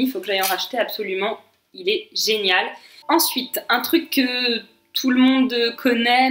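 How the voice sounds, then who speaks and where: A woman's voice: a little high, fairly bright tone. A young woman from France chatting casually to camera, enthusiastic and full of fillers and asides. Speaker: vlogger. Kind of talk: casual chat. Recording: echoey room with faint music.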